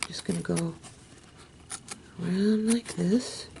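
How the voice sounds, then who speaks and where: Slow, low-voiced woman, gravelly and mellow. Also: a little hiss or hum. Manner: gentle, unhurried, dips into soft whispers while working. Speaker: craft tutorial host. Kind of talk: step-by-step craft instruction.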